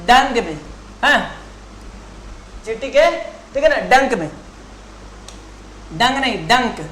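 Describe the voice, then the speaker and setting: A man's voice: very high voice, a bit bright. A man teaching a lesson in Bihari-accented Hindi, quizzing the class and repeating each question before answering it himself. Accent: Bihari, Bhojpuri-tinged Hindi.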